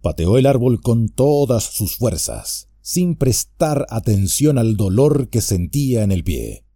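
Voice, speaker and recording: A man narrating an audiobook with expressive storytelling. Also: mid-range voice, takes it slowly, no echo, clean studio sound.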